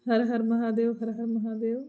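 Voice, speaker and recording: A woman's voice: a little high, monotone, moderate pace, phone-quality sound. A woman folk singer with an Awadhi Hindi accent, chatting at home on a live stream, laughing often and answering viewer comments.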